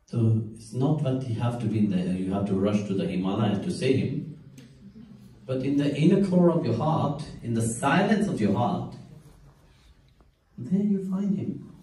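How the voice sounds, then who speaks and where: A middle-aged man giving a spiritual discourse as a serene guru, in short phrases with long pauses. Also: mid-range voice, lively intonation, dark tone. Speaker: spiritual teacher. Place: large indoor temple hall, recorded from the audience. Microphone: distant camera among seated listeners. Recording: echoey hall, distant audience camera.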